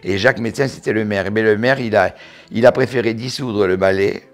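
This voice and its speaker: A man in his eighties with a southern French accent from Montauban, reminiscing in an interview, often halting and repeating words as he recalls. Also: fairly low pitch. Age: 80s. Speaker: interviewee, retired dancer.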